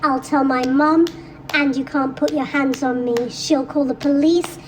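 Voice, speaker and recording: Cocky little girl w pigtails, lady doing the voice, high and slow. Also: steady tone, a little hiss or hum. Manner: cocky, self-assured.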